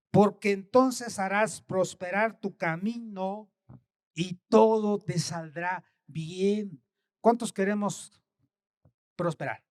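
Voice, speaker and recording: A man delivering a sermon in a high, bright-pitched voice. He reads scripture loudly and with emphasis, then sinks into quiet, murmured asides. The sound is dry and close, with no room echo. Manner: swings from loud emphatic scripture reading to soft murmured asides. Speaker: pastor.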